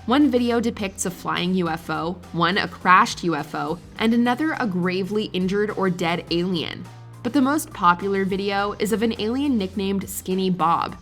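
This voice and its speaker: A woman reading a scripted countdown narration in an even, measured way. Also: medium pitch, faint music behind.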